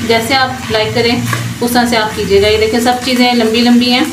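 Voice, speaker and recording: Frying and stirring sounds fill an echoey kitchen as a woman hosts her home cooking channel. Her slightly high voice moves little in pitch and runs a bit quick. She chats as she explains each step and frequently adds brief blessings.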